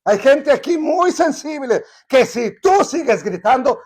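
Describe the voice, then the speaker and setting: A man voicing a band of tribesmen who curtly warn a pursuer to stop shouting. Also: very high voice, very animated, unhurried, full character voice. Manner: warning, dismissive. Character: threatening band of tribesmen, curt.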